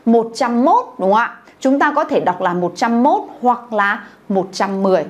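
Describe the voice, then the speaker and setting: A woman's voice: a little high, animated, normal speed. Woman teaching a Chinese class. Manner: calls on the class to repeat aloud, checks with questions. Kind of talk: classroom language lesson.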